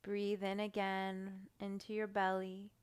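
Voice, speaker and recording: A woman guiding a meditation in a soft, soothing voice, giving calm, gentle instructions with long pauses. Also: mid-range voice, clear, resonant tone. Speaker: meditation guide. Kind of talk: guided meditation.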